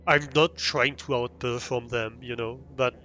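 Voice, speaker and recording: A man's voice: medium pitch, fairly even intonation, measured pace, pushed and bright, lo-fi sound. A young man with a French accent, streaming a game live and chatting with viewers, hesitant with many fillers and restarts. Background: faint music.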